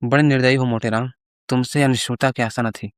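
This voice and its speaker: A gluttonous rival priest, as a man telling the story puts him on, sulky and boastful as he trades brags. The voice is clear and resonant, recorded close with no room sound. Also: mid-range voice, steady tone, brisk, no room sound, natural voice. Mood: longing.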